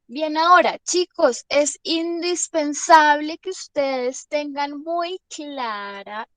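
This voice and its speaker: A high-pitched woman teaches English in an online class, explaining with patience and often checking whether students are keeping up. She relies on frequent tag questions, and there's no echo.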